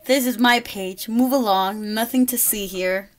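A woman's voice: on the high side, unhurried, natural voice. A woman voicing a bossy, shifty male bear detective who blusters and accuses, reading a storybook to a toddler. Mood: suspicious.

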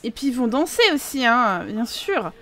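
A young woman giving chatty, excitable commentary while playing a life simulation game, laughing often and exclaiming. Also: on the high side, normal speed. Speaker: gaming video host. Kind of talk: casual Let's Play commentary.

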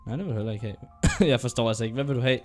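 A young man with a sore throat and an occasional cough, giving chatty, excitable gameplay commentary as he narrates his own moves. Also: mid-range voice, soft background music. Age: young adult. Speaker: gaming YouTuber.

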